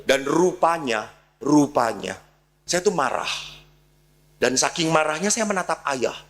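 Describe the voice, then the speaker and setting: Gravelly priest telling a story. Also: male voice, fairly high pitch, measured pace. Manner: animated storyteller, acts out dialogue. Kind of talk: storytelling sermon.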